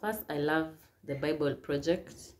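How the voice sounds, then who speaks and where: Sitting at a plain wall in a small indoor room, this twenty-something Kenyan YouTuber reads get-to-know-me questions aloud and then responds, mixing Swahili into her chatty answers. She has a Kenyan accent and a low voice, and she talks a little slowly. It's a casual Q&A vlog.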